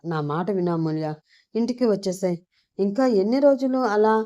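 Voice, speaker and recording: A woman's voice: mid-range voice, lively intonation, normal speed, mellow, muffled recording, natural voice. A woman voicing a possessive young man who speaks in an irritated, insistent way.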